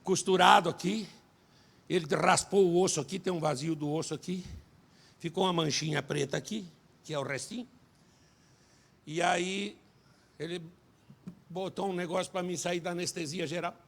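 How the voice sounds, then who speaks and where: A Brazilian man preaching a sermon at a church service, telling a personal testimony in an animated way and rising to shouts. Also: sits high, moderate pace, gravelly, long pauses. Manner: animated storyteller, acts out quotes, shouts at climaxes. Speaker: pastor and singer.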